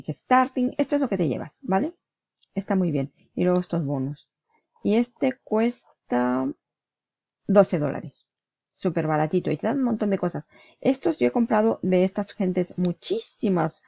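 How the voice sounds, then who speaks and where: A woman's voice: fairly low pitch, vocal fry, mellow, dry recording, lo-fi sound. A woman walking through her computer screen in a casual, chatty way, often checking in with her viewer and correcting herself mid-word. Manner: chatty, self-correcting, asks ¿vale? often. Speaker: online business vlogger. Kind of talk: casual screen-share walkthrough.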